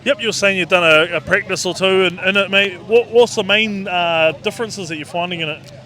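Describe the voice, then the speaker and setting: A man's voice: high voice, steady tone, brisk, sharp tone. A man with a New Zealand accent doing a casual, matey sports interview full of slang. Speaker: trackside interviewer. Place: outdoors at a speedway. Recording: outdoor trackside with vehicle noise.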